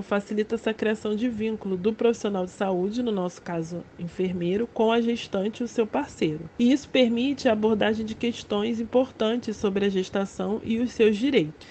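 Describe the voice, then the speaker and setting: A Brazilian woman in her late thirties, a nurse, explaining her field in a measured, instructive way. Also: medium pitch, dark tone, a little hiss or hum. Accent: Brazilian Portuguese. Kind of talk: explanatory interview.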